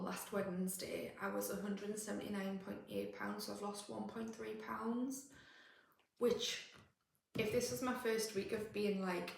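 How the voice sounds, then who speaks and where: A woman's voice: mid-range voice, vocal fry, recorded from a distance. Chatty woman, echoey room. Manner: chatty, rambling with restarts. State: out of breath. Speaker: vlogger. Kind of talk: casual weight-loss vlog. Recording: echoey room, faint noise.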